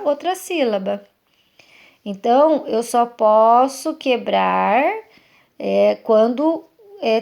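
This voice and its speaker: A woman's voice: a little high, creaky, darkish tone. A woman teacher, explaining a lesson to young children step by step, patient and checking in with questions. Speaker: primary school teacher.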